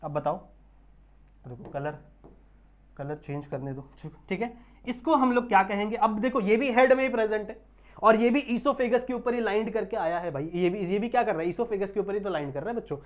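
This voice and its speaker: This biology teacher's voice sits high as he lectures online, drawing technical terms out slowly. He mixes English terms into his Hindi and keeps asking whether students are following.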